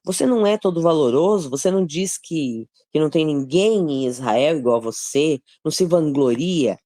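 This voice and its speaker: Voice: mid-range voice, lively intonation, moderate pace, warm tone, dry recording, studio quality, lightly acted. Alguém fazendo um jovem guerreiro bíblico repreendendo. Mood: reproachful. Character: biblical young warrior taunting a general. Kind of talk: retelling a Bible scene in a study group.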